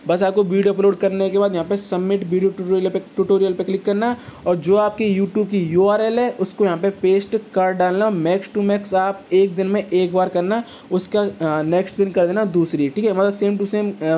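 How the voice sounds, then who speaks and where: A man's voice: high voice, warm tone, a little hiss or hum. A man giving a casual step-by-step walkthrough, chatty, often checking in with viewers and calling them brothers. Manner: chatty, repeats "ठीक है" and addresses viewers as brothers. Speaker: crypto tutorial YouTuber. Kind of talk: casual screen-recorded walkthrough.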